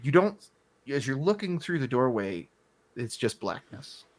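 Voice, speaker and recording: A man's voice: medium pitch, big pitch swings, unhurried. A man narrating a tabletop game as game master in a casual, conversational way.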